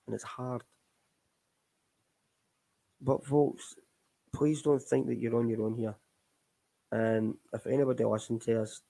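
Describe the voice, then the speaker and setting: Middle-aged Scottish man, recovery show host, gravelly and low-toned, loose candid ramble. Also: dark tone, rough recording. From Scotland. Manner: candid, rambling, addresses listeners as folks. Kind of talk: casual live chat.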